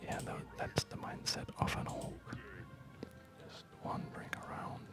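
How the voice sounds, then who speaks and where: The host of an ASMR gaming channel offers hushed, unhurried commentary on a game, trailing off into pauses. Game music plays behind his whisper.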